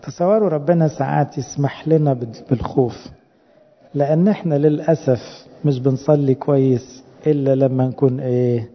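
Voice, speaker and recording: A man's voice: mid-range voice, fairly quick, long reverb tail, muffled recording. A man with an Egyptian Arabic accent preaching a sermon, asking the congregation rhetorical questions.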